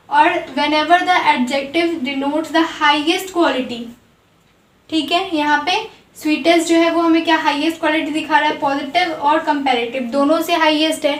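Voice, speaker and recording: Slow, high-voiced Indian woman teaching grammar. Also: roomy sound, low-quality recording. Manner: explains slowly, switching between Hindi and English, checking in with "ठीक है". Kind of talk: online grammar lesson.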